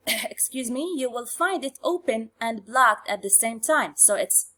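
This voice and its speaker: Slow-paced woman teaching English phonics. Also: on the high side, animated, sharp tone. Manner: slow, repetitive explanation, switching to quick colloquial Arabic recaps. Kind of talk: bilingual classroom lesson.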